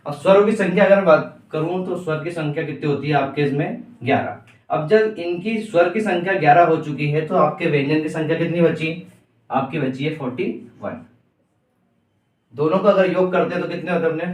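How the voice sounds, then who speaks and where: A man's voice: a little high, normal speed, distant mic. A man teaching a grammar lesson for exam prep, asking the class questions and answering them himself. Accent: Indian Hindi. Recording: echoey room, voice from off-mic.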